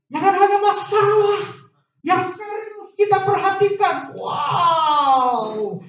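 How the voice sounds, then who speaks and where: A woman with a high voice preaches a sermon, calling out questions for the congregation to answer and stretching key words into a singsong. She is picked up from a distance in a very echoey church hall. The sound is dull and muffled. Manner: call-and-response, singsong stresses, lively asides.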